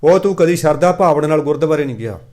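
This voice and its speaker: A man giving a Sikh katha sermon, chanting scripture lines slowly and then explaining them in a conversational, way. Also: a little high, expressive, a little mellow.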